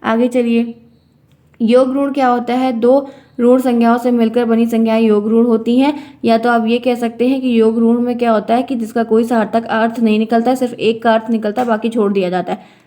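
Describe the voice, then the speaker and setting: A woman's voice: on the high side, little pitch movement, moderate pace, mellow. A woman teaching an exam revision class, explaining grammar terms step by step, often repeating key words and checking in with her students as friends.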